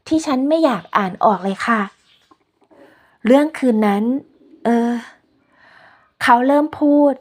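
Woman narrator, soft and unhurried, voice sitting a bit high, reads a scripted first-person story.

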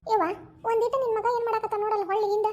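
Voicing a fussy, doting grandmother and mother-in-law for a cartoon, a woman speaks very high and fast with a North Karnataka Kannada accent, switching between scolding and coaxing in a busy, rapid patter. Her delivery is flat and her tone darkish, with a little hiss or hum in the audio.

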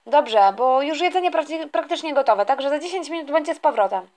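A woman's voice: sits high, animated, a little mellow. A woman voicing a busy, fussing mother who calls her family to dinner, in a toy story. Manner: hurried, fussing.

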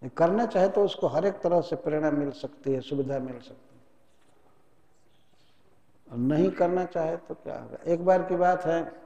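A man giving a devotional sermon as a spiritual teacher, telling stories in a lively, chiding way. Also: a little high, normal speed, gravelly, pauses often, lo-fi sound. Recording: echoey hall.

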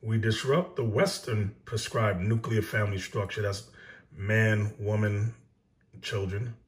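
Animated preacher man in an echoey room. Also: unhurried. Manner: animated, emphatic, voice jumping high when mocking others. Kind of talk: video sermon commentary.

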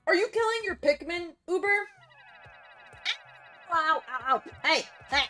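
A woman streaming a co-op game, chatting and teasing her friends with animated outbursts. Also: very high voice, a little slow, soft background music. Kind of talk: casual gaming chat with friends.

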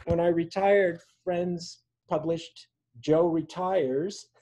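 Speaking from a small room in his home, a poet in his sixties shares his own work at an online open mic and introduces it informally. He reads in a measured, deliberate way, his voice on the high side, steady and mellow.

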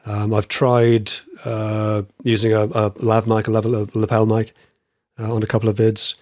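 Casting: male podcast host, a bit wheezy and croaky, rambling casual talk, very dry close sound. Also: on the low side, completely flat delivery, moderate pace, a little mellow, no room sound. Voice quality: slightly wheezy, a little croaky. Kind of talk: casual chat.

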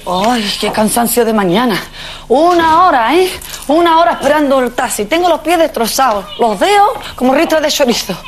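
A middle-aged actress playing a brash, bossy, quick-tempered working-class mother in a sitcom. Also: high voice, lively intonation, a little hiss or hum. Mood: complaining. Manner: bossy, scolding, loud and blunt. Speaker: mother of the family. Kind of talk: sitcom acting.

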